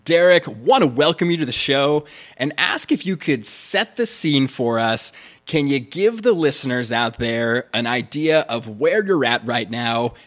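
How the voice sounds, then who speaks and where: A man hosts a podcast, asking questions in upbeat, casual chat. His voice has a bright, forward edge, and he talks with real enthusiasm. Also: medium pitch, animated, a little slow. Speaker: podcast host.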